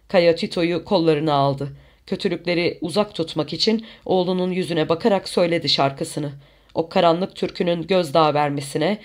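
Audiobook narrator, steady even storytelling, middle pitch. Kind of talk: scripted narration.

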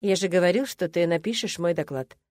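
A woman voicing a polite, composed young male student who is quietly scheming. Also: on the low side, fairly quick, no echo, studio quality, lightly acted. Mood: smug.

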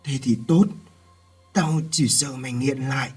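A man doing a frail, fatherly old man in a ghost-story reading, his voice weak and strained. The tone is mellow and a little husky, with soft music underneath. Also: medium pitch, unhurried. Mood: weak pleading.

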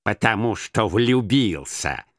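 A man's voice: mid-range voice, huge pitch swings, slow pace, no echo. A man voicing a stingy, grumpy old male miser who speaks curtly and with scorn, in a dry audiobook reading. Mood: scornful. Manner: curt, scornful, snapping.

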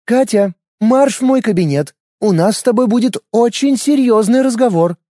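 A man's voice: extremely high pitch, expressive, moderate pace, mellow, no echo, clean studio sound, voice pushed up. A man voicing a stern woman school director who scolds a student, in an audiobook. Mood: scolding. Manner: scolding, rising exasperation.

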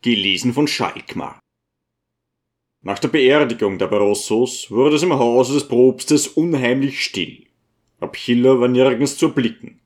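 A man reading a novel aloud as an audiobook narrator, in a calm, measured way. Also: medium pitch. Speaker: audiobook reader.

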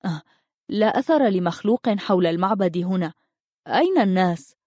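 A woman's voice: medium pitch, lively intonation, brisk, warm tone, dry recording, clean studio sound, natural voice. A woman voicing an easygoing young male warrior in a storybook, casual and direct.

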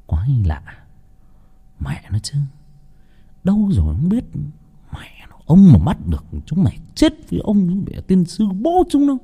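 A man voicing a rough village father who swears and wails loudly, in a spoken ghost story. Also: medium pitch, wildly swooping pitch, fast talker, long reverb tail. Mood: muttering. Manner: gruff, swearing, wailing loudly. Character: rough-tongued village father, hot-tempered and cursing.

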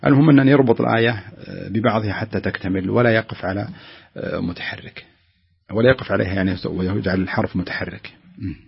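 A man's voice: fairly low pitch, fast talker, vocal fry, slightly rough, muffled recording. A man who teaches Quran recitation, patiently correcting callers and sounding out letters syllable by syllable.

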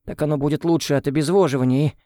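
A man's voice: fairly high pitch, steady tone, racing, dark tone, dry recording, studio quality, voice pushed up, lightly acted. A man voicing a frightened, doting elderly woman nanny who pleads breathlessly and tearfully in an audiobook. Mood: panicked. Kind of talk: audiobook character voice.

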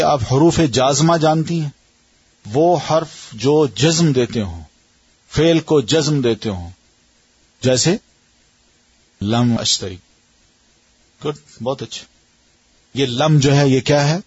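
This is a man with a Pakistani accent leading a grammar lesson, his voice husky with a breathy edge. He questions his students patiently and sounds out word patterns slowly. The recording is dry and muffled, like a lo-fi lecture tape. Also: mid-range voice, darkish tone, no echo. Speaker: Arabic grammar teacher. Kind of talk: classroom lesson.

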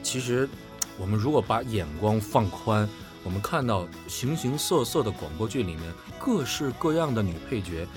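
During a relaxed panel discussion over background music, a man who works as a voice actor and drama director lays out his opinions with earnest emphasis, in a fairly low voice with lively intonation at normal speed.

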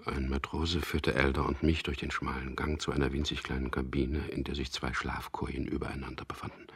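In a German radio drama, an actor plays a resolute man on a secret mission, narrating in tense recollection in a deliberate, introspective way as he recounts events. His very deep voice is gravelly, husky and hushed, level in tone, and heavily acted.

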